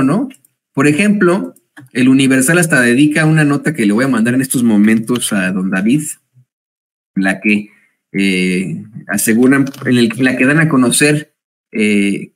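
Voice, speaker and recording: Man, Mexican accent, sarcastic talk-show host, hesitant chatty asides, mid-pitched voice. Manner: sarcastic, chatty, reads news aloud with asides; frequent hesitations and laughs.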